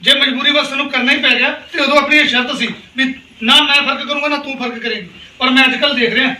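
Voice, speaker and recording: A man's voice: very high-pitched, steady tone, quick pace, bright, forceful tone, heavily acted. An actor playing a middle-aged father in a village family drama, reproachful and lecturing as he pleads for his daughter. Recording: roomy, distant mic.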